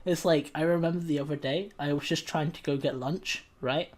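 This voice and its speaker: A man's voice: on the high side, steady tone, brisk, a little mellow. A man co-hosting a casual podcast, talking in a hesitant way with lots of ums and restarts. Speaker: podcast co-host.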